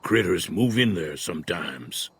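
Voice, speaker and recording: An actor voicing a retired old male prospector in a video game, speaking in an unhurried folksy drawl. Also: deep voice, animated, creaky, noisy background, heavily acted. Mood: easygoing. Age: older. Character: weathered old male prospector, laid-back and wary. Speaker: retired prospector in a frontier town.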